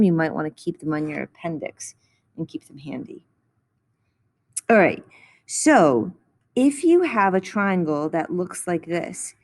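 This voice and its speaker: A woman's voice: lowish voice, a little mellow. A woman teaching a recorded math lesson, patiently explaining each step in a close voice-over.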